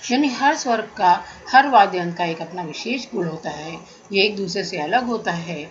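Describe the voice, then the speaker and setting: A woman teaching a music theory class, explaining terms step by step in a measured lecture. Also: mid-range voice, expressive, dull audio.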